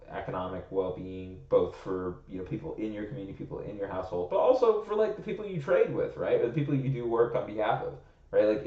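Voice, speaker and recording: A young American guy co-hosting a podcast talks in a low, mellow voice, rambling and thinking out loud in casual conversation while leaning heavily on "like." The recording sounds roomy and a bit muffled.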